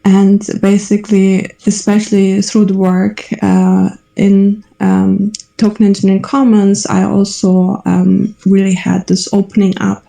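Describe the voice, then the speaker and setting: Woman seminar host on a video call, dark mellow tone, steady, thinking aloud with many ums, echoey room. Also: medium pitch, measured pace, vocal fry, few pauses. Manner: thoughtful, many ums and restarts. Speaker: seminar facilitator. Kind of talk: online seminar discussion.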